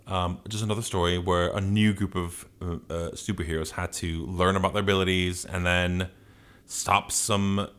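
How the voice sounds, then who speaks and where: A man's voice: low-pitched, flat delivery, normal speed, fairly bright tone, smooth. A man co-hosting a podcast, chatting casually in a rambling, opinionated rant with plenty of swearing. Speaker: podcast co-host. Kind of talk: casual ranting podcast chat.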